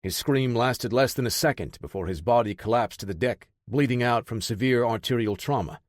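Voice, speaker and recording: A man narrating an action audiobook in a steady, dramatic storytelling manner. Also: mid-range voice, a little fast, no echo, clean studio sound. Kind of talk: scripted narration.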